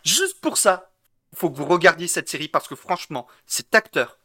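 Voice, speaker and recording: A man's voice: on the high side, normal speed. A Basque man co-hosting a casual podcast chat, joking and cutting in often. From Basque Country. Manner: joking, animated, cuts in often. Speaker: podcast co-host.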